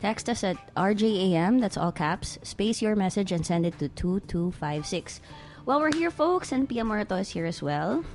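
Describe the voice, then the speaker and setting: A woman's voice: mid-range voice, lively intonation, moderate pace, hardly any pauses, a little mellow. Woman, radio host, casual rambling chat, studio, faint music behind. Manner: chatty and rambling, with many fillers and restarts. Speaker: radio talk show host.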